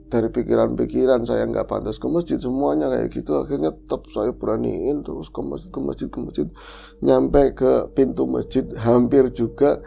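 A man, a former street thug, tells his story in an earnest, emotional way. His voice is deeply gravelly and dark, with a mid-range pitch. He talks in a relaxed, conversational manner. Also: moderate pace, slight background noise. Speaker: guest, reformed street thug. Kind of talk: casual storytelling interview.

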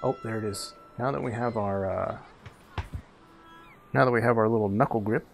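A man's voice: on the low side, moderate pace, vocal fry. A man hosting a let's play, giving casual gameplay commentary in a laid-back, slangy way. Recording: game music faintly behind the voice.

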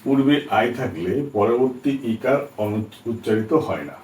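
A man's voice: fairly low pitch, expressive, moderate pace, darkish tone. A Bengali-speaking man teaching English pronunciation, patiently spelling out letters and often checking that his students follow. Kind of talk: spoken English pronunciation lesson. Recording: echoey room, distant from mic, faint background hiss.

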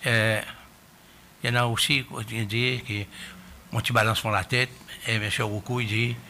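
A man giving halting testimony at a public hearing, often restarting as he searches for words. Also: mid-range voice, level tone, sharp tone, a little hiss or hum. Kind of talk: spoken testimony. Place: hearing room.

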